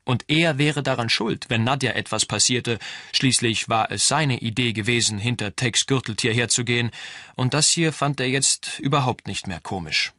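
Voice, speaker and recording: A man reading a novel aloud as audiobook narrator, in an even storytelling delivery. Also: medium pitch, normal speed, no echo, clean studio sound. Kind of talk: scripted narration.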